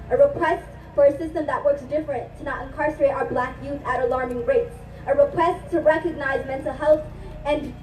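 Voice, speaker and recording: Young woman student speaker from Ethiopia, high bright voice, impassioned spoken-word delivery, heard from a distance at an outdoor rally. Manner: impassioned, declamatory. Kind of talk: spoken-word protest speech. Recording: echoey, distant, noisy outdoor livestream.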